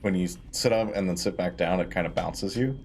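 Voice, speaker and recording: A man's voice: deep voice, a little fast, a little hiss or hum. A man acting as game master, narrating a tabletop role-playing game in a casual, informal, sweary way.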